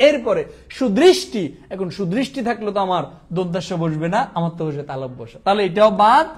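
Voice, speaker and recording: A young man from Bangladesh teaching a quick exam revision lesson, asking questions and answering them himself. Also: sits high, expressive.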